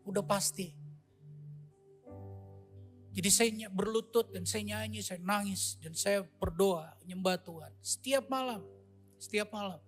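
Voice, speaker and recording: A man preaching a testimony sermon, telling his story in an animated way and often addressing the congregation. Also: high-pitched, unhurried, pauses often, soft background music.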